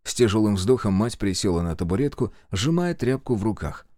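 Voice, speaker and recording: A man narrating an audiobook with expressive storytelling. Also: on the low side, a little fast, no room sound, clean studio sound.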